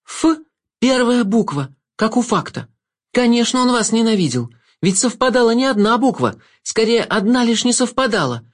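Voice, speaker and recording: Storybook heroine: a firm, defiant young girl with a raised, high voice, played by a man. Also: very animated, normal speed, exaggerated voice. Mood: determined.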